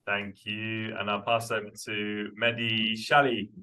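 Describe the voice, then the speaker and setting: Male workshop host, low bright voice, courteous quick handovers. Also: little pitch movement, clean tone. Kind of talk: hosting a video call.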